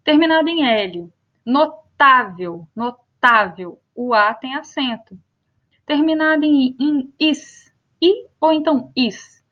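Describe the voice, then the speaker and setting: High-voiced Brazilian woman teaching grammar. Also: dull audio. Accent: Brazilian Portuguese. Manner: spells out and repeats example words slowly. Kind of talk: spoken grammar lesson.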